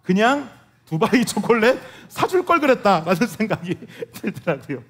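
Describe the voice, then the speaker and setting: A man's voice: sits high, sing-song, moderate pace, fairly bright tone. A male pastor preaching a sermon, telling a humorous family story and speaking directly to his congregation. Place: church sanctuary.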